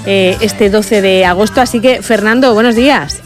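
A woman's voice: medium pitch, normal speed, faint music behind. A woman with an accent from Spain, interviewing informally as a radio host in a chatty, colloquial way. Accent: Spanish from Spain.

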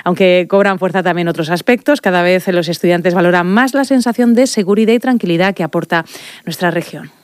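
A woman's voice: fairly low pitch, fairly quick, dry recording. A woman, reading the regional news as anchor in a studio. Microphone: studio microphone.

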